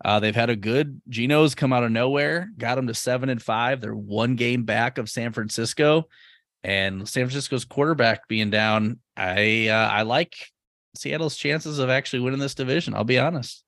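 A man's voice: mid-range voice, moderate pace, a bit bright, no room sound, clean studio sound. A man co-hosting a casual sports podcast, hesitant and full of fillers as he gives his takeaways. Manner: hesitant, filler-heavy delivery. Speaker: podcast co-host.

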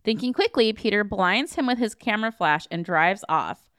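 A woman's voice: mid-range voice, expressive, moderate pace, a bit bright, clean tone, no echo, clean studio sound. A woman podcast host recapping a film plot in casual chat, with wry, sarcastic asides.

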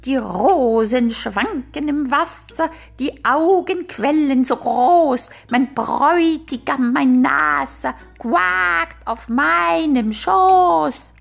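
A woman's voice: mid-range voice, creaky, darkish tone, soft background music. Woman doing a swooning frog bride. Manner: sing-song, drawn-out verses. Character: lovestruck female frog singer, dreamy.

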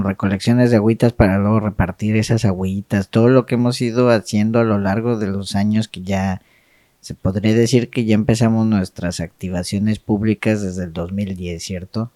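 A man's voice: fairly low pitch, dark tone, no room sound, clean studio sound. A man co-hosting a podcast, chatting reflectively in a meandering way that often seeks agreement. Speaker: podcast co-host. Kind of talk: casual, reflective chat.

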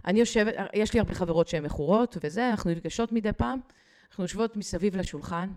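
On a podcast interview, a guest expert on digital habits tells stories in an animated, lively way with a mid-range voice. She acts out the people she quotes and speaks directly to the host.

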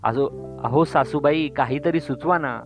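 A man's voice: fairly high pitch, measured pace. A man doing a fussy flustered mother. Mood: fussing. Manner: scolding, protesting, fussy. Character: flustered middle-aged mother, gentle and fussy. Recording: dull lo-fi sound with faint music.

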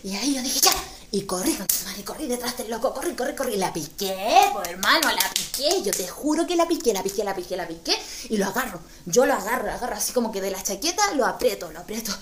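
A woman with a Chilean accent telling a comic story, slangy and animated, acting out the voices in her tale. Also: medium pitch, fast talker, echoey room, crowd noise. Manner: animated, slangy, acts out dialogue. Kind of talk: stand-up storytelling.

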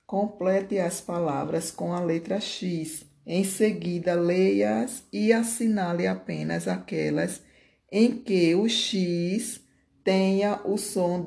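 Teacher going over homework, very slow pace, gravelly voice, dark tone, drawn-out words. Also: medium pitch. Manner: slow, deliberate dictation, stretching key words. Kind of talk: correcting homework exercises aloud.

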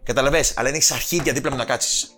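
A man from Greece speaks with passion in a casual podcast chat, pressing his points hard and cursing freely. His voice sits at a middle pitch, with faint music under it. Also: sharp tone. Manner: passionate, emphatic, swears freely, quotes people in changed voices. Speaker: podcast guest, personal trainer and author.

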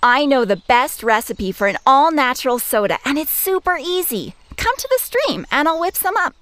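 A woman voicing a calm, cheerful female substitute ranger with a breezy, reassuring manner. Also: high voice, normal speed. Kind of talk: cartoon voice acting.

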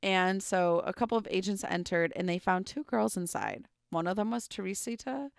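Speaking at a moderate pace in a mid-range voice that's gravelly but smooth, a young podcast co-host chats her way through a true crime story, leaning heavily on "like" and "um." The recording is dry with clean studio sound.

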